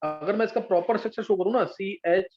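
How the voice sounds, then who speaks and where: A man with a high voice teaches a chemistry class, walking through structures patiently and pausing again and again to ask if the students understand. The recording sounds dull and lo-fi. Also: faint music behind. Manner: patient, checks understanding often. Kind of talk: live online class teaching.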